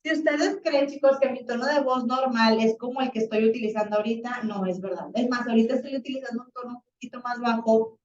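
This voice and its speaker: A woman teacher, slightly hoarse, lecturing a class in a chatty, animated way with many fillers. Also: on the high side, quick pace, hardly any pauses. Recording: roomy, distant, dull classroom recording.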